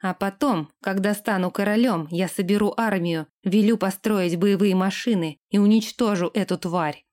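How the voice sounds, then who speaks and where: A woman's voice: mid-range voice, moderate pace, hardly any pauses, a little mellow, lightly acted. A woman reading an audiobook, voicing a scheming, harsh young lord who gives orders. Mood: cold. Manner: harsh, commanding.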